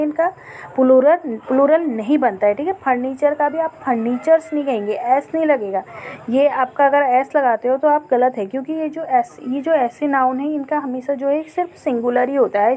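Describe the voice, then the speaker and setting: A woman teacher explaining grammar in a recorded lesson, often checking in with "okay" and reading example sentences slowly. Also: high voice, mellow, lo-fi sound, slight background noise. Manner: checks in with frequent "okay" and "theek hai".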